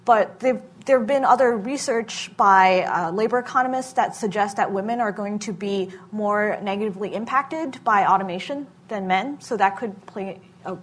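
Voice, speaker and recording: Measured woman researcher with many uhs. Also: mid-range voice. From Massachusetts. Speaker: researcher giving testimony. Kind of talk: formal testimony answering questions.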